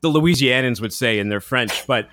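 A man with a cold, co-hosting a casual snack review podcast in an animated, joking way. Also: medium pitch, moderate pace, a little hiss or hum. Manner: animated, jokey, descriptive. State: has a cold. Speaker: podcast co-host.

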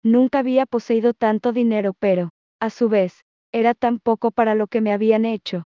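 A woman reads a text aloud phrase by phrase, then repeats each slowly while naming the punctuation marks. Her voice is a little high with fairly even intonation, and the recording is muffled with no room sound.

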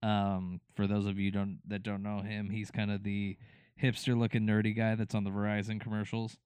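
A male podcast co-host chats casually recapping a TV show, rambling with lots of fillers and restarts. His voice is on the low side, darkish, clear and resonant, with little pitch movement and a moderate pace. The recording is dry.

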